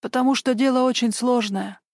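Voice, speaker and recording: Lady reading as a twitchy old retired guy, pitched up, fussy and nervy, dry close sound. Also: fairly even intonation, fairly quick, darkish tone, no room sound, lightly acted. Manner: jittery and self-important. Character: nervous older male pensioner, twitchy. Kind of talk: audiobook character voice.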